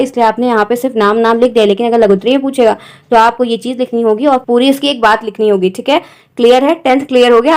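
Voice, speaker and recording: A woman teaching an exam-prep lesson, going through questions step by step and often asking whether everything is clear. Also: on the high side, a little mellow.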